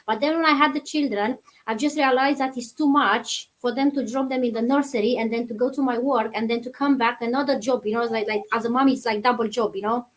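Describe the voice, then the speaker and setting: Speaking fast with hardly any pauses, this woman has a fairly high, fairly even voice, captured in a low-quality recording. She's a nursery teacher from Romania in her thirties, chatting warmly as a guest on an online show and using many fillers in her answers.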